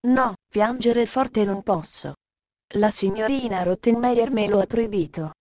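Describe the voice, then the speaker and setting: A woman voicing a shy, homesick little girl who speaks softly in a storybook reading. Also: medium pitch, unhurried, muffled recording, crowd noise, close to an everyday voice. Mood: wistful.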